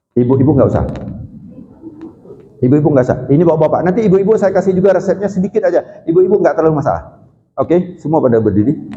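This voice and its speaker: A man with an East Javanese accent, a doctor giving a lively, hands-on health talk to a mosque congregation, directing listeners step by step. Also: mid-range voice. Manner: lively, demonstrative, directs the audience. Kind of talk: casual religious health lecture. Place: large mosque hall. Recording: echoey hall, dull lo-fi sound.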